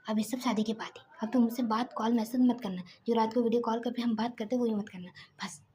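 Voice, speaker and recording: A woman voicing an impatient young man in love who pleads and sulks, speaking softly and at times half-whispering. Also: fairly high pitch, steady tone, fairly quick, a little hiss or hum, lightly acted. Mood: sulky.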